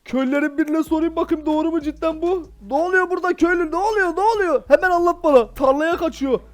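A man playing a Minecraft role-play character, excitable and full of exclamations, talking straight to his viewers. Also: very high-pitched, fast. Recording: faint background music.

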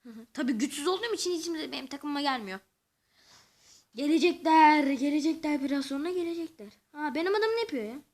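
High-voiced woman doing excitable game commentary. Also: quick pace. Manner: excitable, talks to viewers, mutters and whispers asides to self. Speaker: gaming channel host. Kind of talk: let's-play commentary.

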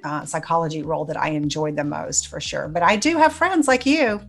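A woman's voice: deep voice, brisk, vocal fry, soft background music. A middle-aged woman with an American accent talking casually in an interview, circling through her phrasing with asides. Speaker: forensic psychologist in conversation. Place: indoor office on a video call.

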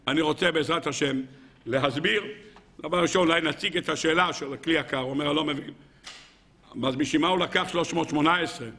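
Rabbi teaching a Torah class, high and bright, animated storyteller with rhetorical questions. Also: male voice.

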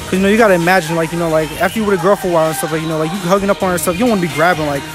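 A man's voice: high-pitched, rapid-fire, over music. A young man rambling in slang while answering an interview question in a shopping mall.

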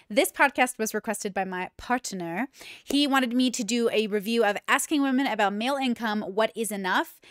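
A woman's voice: fairly high pitch, no echo, studio quality. A woman in her thirties hosting a podcast, reacting candidly and emphatically to clips in casual commentary from a small home room on a desk microphone. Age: 30s. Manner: chatty, candid, emphatic asides. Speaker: podcast host. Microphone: desk mic on boom arm with earbuds.

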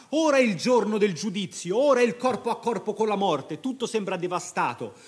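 A man voicing a fierce Italian prince who rallies his troops in battle, declaiming loudly. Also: high-pitched, voice pushed up. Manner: declaiming, rousing, shouted battle cry.

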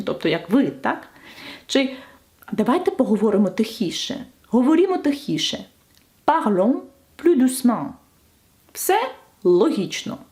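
A woman's voice: on the high side, a little mellow. A woman teacher explaining French grammar in a video lesson, stressing each example.

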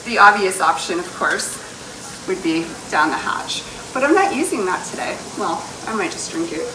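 Here a home cook in her forties, speaking with a New England accent, demonstrates a chili recipe casually, poking fun at herself as she stirs and pours. Her fairly low voice is sing-song and moderately paced. The sound is roomy, recorded from a far tripod camera, with background noise and sizzling food.

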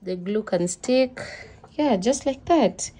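A woman's voice: medium pitch, lively intonation, slow pace, background noise. A young woman vlogging casually at home and on her way back, chatting to the camera in a confiding way. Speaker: vlogger and mother. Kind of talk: casual vlog chat. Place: at home, later walking outdoors.

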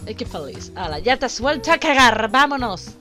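A young woman talks through a horror game in a fairly high voice. She jokes, swears freely and yelps when startled. Faint game music plays underneath. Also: sing-song, normal speed. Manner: swearing, jokey, exclaims loudly in fright. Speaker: gaming streamer. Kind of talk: casual horror game commentary.

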